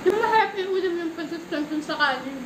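A woman's voice: very high voice, expressive, fast. A woman from the Philippines vlogging casually to her viewers while chewing a mouthful of food, recorded on a camera's built-in mic. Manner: chatty, rambling, talks to viewers. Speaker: mukbang vlogger. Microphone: camera's built-in mic, no separate mic. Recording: echoey room with loud background noise.

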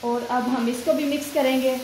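This cooking channel host, a woman from Pakistan, talks through a recipe in voice-over with steady, step-by-step instructions. Her high-pitched voice moves at a moderate pace in an echoey room, and the low-quality recording carries slight background noise.

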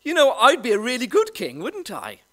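A preacher putting on a wheedling scheming prince. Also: male voice, very high-pitched, wildly swooping pitch, normal speed, sharp tone, full character voice.

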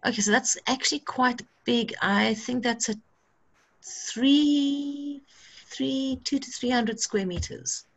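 A woman's voice: sits high, slow, creaky, a bit bright. A woman leading an online workshop, encouraging and practical in tone. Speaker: workshop facilitator. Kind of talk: guiding an online seed-saving workshop.

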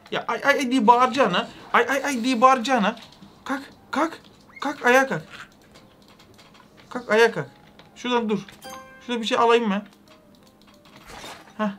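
A young man giving comedic, excitable game commentary with loud exclamations. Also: very high voice. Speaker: gaming YouTuber.

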